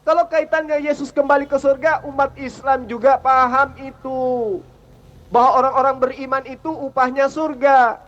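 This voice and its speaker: A very high-voiced man presses his points in a heated religious debate, lecturing and challenging. The sound is dull and lo-fi. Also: steady tone, moderate pace, fairly bright tone.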